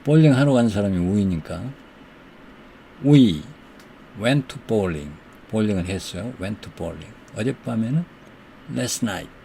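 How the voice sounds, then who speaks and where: A male English teacher speaks in a gravelly, unhurried voice at a middle pitch. He says each English example slowly and carefully and walks through the grammar step by step. A faint hiss sits under the recording. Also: expressive, mellow. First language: Korean. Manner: slow, deliberate English examples, faster Korean explanation. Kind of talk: slow explanatory lesson.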